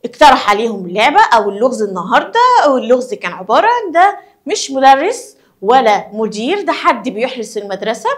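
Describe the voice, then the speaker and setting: A woman's voice: on the high side, very animated, fast talker. A woman with an Egyptian accent explaining a school lesson to young children, asking questions and answering them herself. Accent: Egyptian Arabic. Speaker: primary school teacher.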